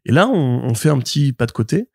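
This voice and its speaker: A man's voice: medium pitch, fairly quick, creaky, dry recording, studio quality. Chatty man retelling a comic plot. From France. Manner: animated storytelling with frequent fillers and restarts. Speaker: podcast co-host, comics reviewer. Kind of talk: casual podcast chat.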